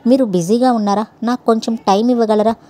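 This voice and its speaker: A woman's voice: a little high, fairly even intonation, quick pace, dark tone, natural voice. A woman reading the lines of an educated young woman in a storybook, hesitant and probing, in her own voice. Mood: earnest. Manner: hesitant, mixes English phrases.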